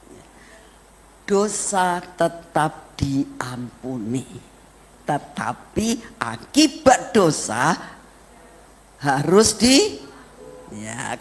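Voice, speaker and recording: Lively woman pastor in echoing church. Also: sits low. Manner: lively storytelling, acts out family dialogue, addresses congregation as saudara. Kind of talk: sermon with personal story. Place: church hall. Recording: reverberant church hall, faint room noise.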